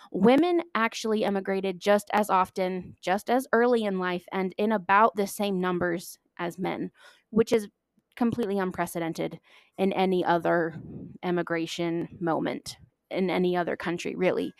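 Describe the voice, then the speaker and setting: A woman's voice: mid-range voice, dry recording. A woman hosting a history podcast, narrating from a script in an emphatic way, leaning hard on key words. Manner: emphatic, stresses key words, self-deprecating asides.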